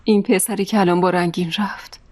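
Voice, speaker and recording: Woman voicing a gentle caring young mother. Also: lowish voice, fairly even intonation, no room sound, close to an everyday voice. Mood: earnest. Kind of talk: dubbed TV drama. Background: faint music.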